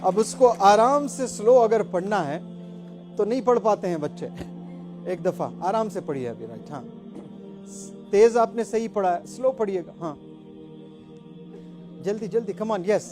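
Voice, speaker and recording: A man teaching a student to recite, encouraging her and tossing in quick English prompts. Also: high-pitched, lively intonation, music in the background.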